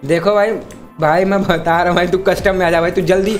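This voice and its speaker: Brief: young-sounding male streamer with a high voice, mock-angry banter, game music behind. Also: level tone, a little fast. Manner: mock-angry, teasing, laughing. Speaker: gaming streamer. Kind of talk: casual banter while gaming. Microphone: headset on voice call.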